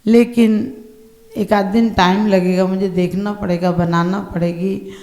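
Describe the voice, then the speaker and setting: A woman voicing a wise father who is a doctor, giving slow, measured advice in a sermon story. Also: medium pitch, steady tone, darkish tone, reverberant, lightly acted. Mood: calm.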